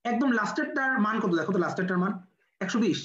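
Brisk Bangladeshi lecturer who drills the class with quick questions, recorded in a roomy, echoey space. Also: medium pitch, animated, fairly bright tone, dull audio. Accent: Bangladeshi Bengali. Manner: quizzes students with rhetorical questions, repeats key numbers. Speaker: medical admission physics lecturer.

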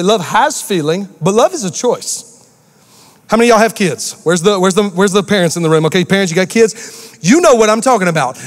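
Male pastor, animated sermon delivery, high voice, big church reverb. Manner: animated, preaches to a congregation with asides and call-outs. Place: church auditorium.

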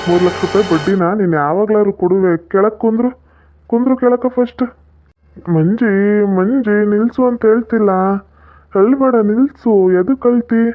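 A man's voice: high-pitched, moderate pace, darkish tone, natural voice. A man playing a leering village moneylender. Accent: North Karnataka Kannada. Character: lecherous middle-aged male village moneylender, pushy. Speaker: actor in a village skit. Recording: tinny phone-like audio.

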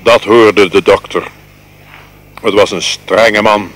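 A man reading a fairy tale aloud in a slow, expressive storytelling manner. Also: lowish voice. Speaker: reader.

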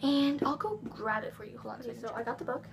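This teen vlogger, a fourteen-year-old girl from England with a faint Southern US accent, talks fast and bubbly to a camera set on a table in her living room, saying "um" a lot. Her voice is on the high side and creaky, with noise in the background.

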